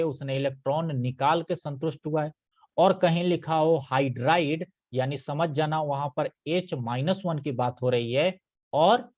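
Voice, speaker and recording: A man teaches chemistry in a live online class. He is patient and keeps going back over each point, checking that his students follow. His voice sits fairly high, and the audio is dull and lo-fi. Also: darkish tone. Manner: patient, repeats key points with checking questions.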